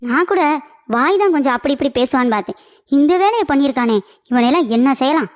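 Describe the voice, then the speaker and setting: Woman voicing a cartoon neighbor lady, indignant, scolding, high voice. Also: expressive, fast, soft background music. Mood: egging on. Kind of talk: animated cartoon voice acting.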